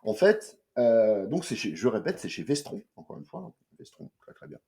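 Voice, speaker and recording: A man giving a casual spoken comic book review from home, lively and slangy, with many restarts and fillers. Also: mid-range voice, normal speed.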